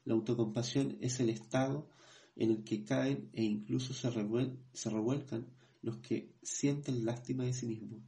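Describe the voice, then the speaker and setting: A man co-hosting a podcast, reading passages from a book in a measured way, then hesitating as he comments in his own words. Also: mid-range voice, fairly even intonation, gravelly, dark tone. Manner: measured reading, hesitant when speaking freely. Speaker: podcast co-host.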